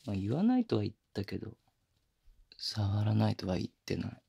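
A man playing a teasing, affectionate young boyfriend in intimate ASMR role-play, murmuring softly and very close to the microphone. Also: lowish voice, big pitch swings, fairly quick, no echo, exaggerated voice. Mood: affectionate, coaxing. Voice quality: breathy, gravelly. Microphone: very close binaural microphone, dry.

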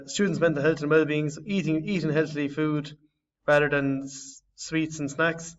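Young guy talking through his design project, kinda halting, keeps restarting, a bit high, sounds off mic and muffled. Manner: halting, searching for words, frequent restarts. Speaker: design student. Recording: slightly distant, dull lo-fi audio.

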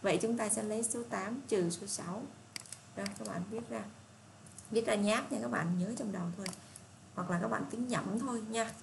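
A woman tutor reading a first-grade math workbook aloud to children, slow and patient, asking them encouraging questions. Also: medium pitch, creaky, a little hiss or hum. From Vietnam. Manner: slow, patient, reads problems aloud deliberately.

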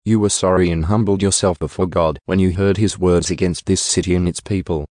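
A man giving a steady, measured scripture reading into a close studio mic. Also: sits low, no room sound. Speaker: Bible reader.

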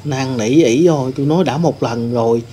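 Casting note: a man as a grieving young male ghost, mellow voice, rambling telling. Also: medium pitch, fairly quick, slight background noise, close to an everyday voice. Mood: sorrowful. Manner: rambling storytelling, many fillers. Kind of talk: staged ghost-hunting role-play.

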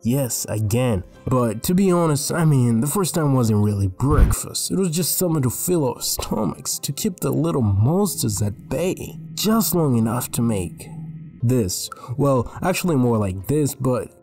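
A teenage man from Tanzania narrating a comedic animated story in a joking, slangy way. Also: mid-range voice, a little slow, husky, faint music behind. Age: teens.

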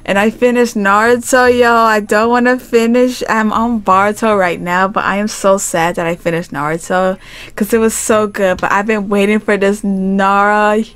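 A woman's voice: medium pitch, flat delivery, moderate pace, fairly bright tone, clean tone. A woman playing a romance story game on her channel, reading the heroine's lines and chatting in a giggly, gushing way. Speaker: gaming YouTuber. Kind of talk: casual game commentary and reading aloud.

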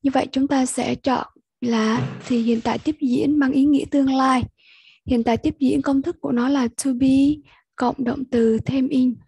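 A young woman with a Vietnamese accent walks pupils through an English test at an unhurried pace. Her voice sits high but sounds soft and mellow. It is very husky and breathy, and the recording is close and dry. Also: steady tone, dry recording. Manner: slow, patient, repeats sounds for pupils. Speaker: English teacher. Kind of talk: online lesson walkthrough.

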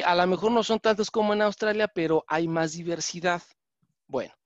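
A man's voice: high voice, no echo. A man giving an online conference lecture, explaining patiently and correcting himself often with fillers. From Mexico. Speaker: lecturer on venomous animals. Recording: dry, dull lo-fi call audio.

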